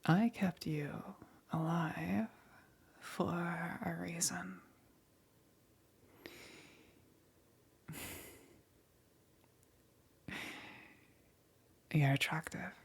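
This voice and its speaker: In an ASMR roleplay, a woman voices a smug, teasing demon queen in a full character voice that's breathy, whispery, low-ish and steady, carrying a taunting, seductive menace. She speaks slowly and tauntingly, punctuating her lines with soft chuckles.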